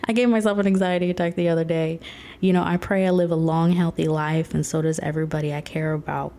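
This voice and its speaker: Mujer estadounidense de voz grave y ronca. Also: female voice, sits low, mellow. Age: 30s. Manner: earnest, heartfelt, often drops to a whisper. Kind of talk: personal reflective talk.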